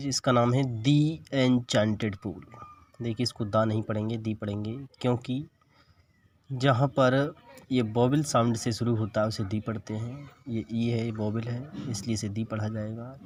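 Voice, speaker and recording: A man with a medium-pitched, somewhat dark voice teaches a bilingual English lesson. He reads lines of English text in an Indian accent and patiently explains each word.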